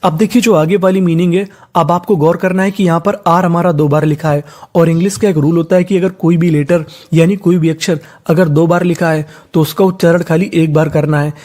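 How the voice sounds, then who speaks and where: A teacher giving a spelling lesson who spells each word letter by letter, blends it slowly, and asks and answers their own questions. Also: mid-range voice, fairly even intonation, darkish tone. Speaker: English teacher. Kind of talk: spelling lesson, sounding out words.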